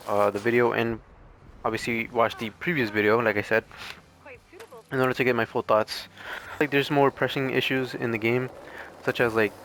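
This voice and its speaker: Hesitant and rambling, a man chats informally over gameplay for his gaming videos while his voice begins to give out with mild strain. His medium-pitched voice is a bit bright, with slight background noise.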